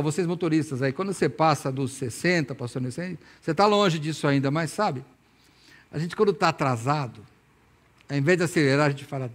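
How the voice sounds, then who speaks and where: A Brazilian man in his sixties preaching a sermon in church, telling stories with humor and acting out imagined dialogue. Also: on the high side. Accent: Brazilian Portuguese. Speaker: pastor. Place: church, evening service.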